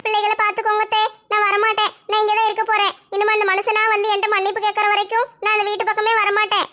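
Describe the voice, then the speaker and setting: A woman's voice: very high voice, monotone, quick pace, bright, forceful tone. A woman playing a hurt, stubborn young wife. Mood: refusing. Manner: aggrieved, pleading and complaining. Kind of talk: family drama skit.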